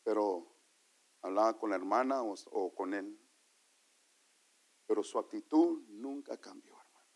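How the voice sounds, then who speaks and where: A man preaching a sermon as pastor, telling stories to his congregation and calling them brother, moving from quiet asides to loud exclamations. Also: on the low side, measured pace, vocal fry, long pauses. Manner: storytelling, calls the congregation brother.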